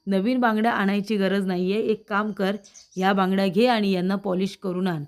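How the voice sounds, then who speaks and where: A woman's voice: medium pitch, steady tone, normal speed, a little mellow, clear, resonant tone, close to an everyday voice. A woman voicing a worried, loving older mother who coaxes and frets over her son. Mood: worried, doting. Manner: coaxing, fretful.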